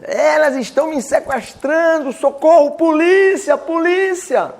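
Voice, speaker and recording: A man's voice: measured pace, a little mellow. A man putting on the voice of a frightened elderly woman in a wheelchair, crying out for help. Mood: panicked. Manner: shrill, panicked cries.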